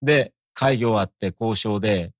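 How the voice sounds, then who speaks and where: Low-voiced Osaka-accented man, dry sound. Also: normal speed, dry recording. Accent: Osaka Japanese. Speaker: guest. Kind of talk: conversational interview.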